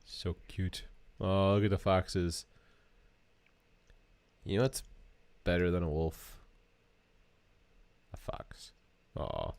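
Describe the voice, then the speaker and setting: Deep-voiced man hosting a livestream. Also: takes it slowly, long pauses, clear, resonant tone. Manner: relaxed, cooing over animal pictures. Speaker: podcast co-host. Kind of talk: casual livestream chat.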